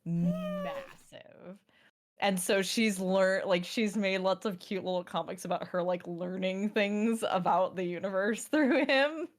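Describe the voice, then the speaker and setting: Slow-talking woman chatting casually. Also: mid-range voice, expressive. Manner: rambling, full of fillers. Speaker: game streamer. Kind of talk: casual chat.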